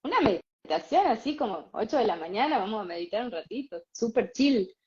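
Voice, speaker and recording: A woman, co-hosting and telling a spiritual story in a casual, animated way with frequent laughs. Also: fairly high pitch, a little fast. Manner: animated, laughs often, many fillers. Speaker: podcast co-host. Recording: slightly dull lo-fi sound.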